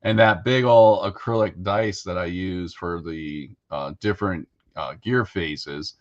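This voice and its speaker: Low-voiced guy co-hosting a hobby podcast, laid-back and rambly, kinda muffled lo-fi sound. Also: measured pace. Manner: relaxed, rambling with frequent fillers. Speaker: co-host. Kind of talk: casual hobby podcast chat.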